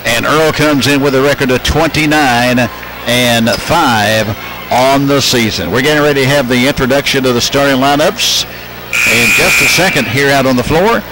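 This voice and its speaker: A man's voice: mid-range voice, normal speed, noisy background. A man hosting a radio sports broadcast, giving pregame commentary. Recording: loud music behind the broadcast.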